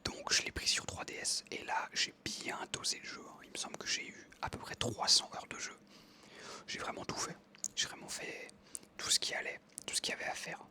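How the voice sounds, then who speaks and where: In a soft, unvoiced whisper, a young adult ASMR creator briskly tells a meandering story packed with fillers.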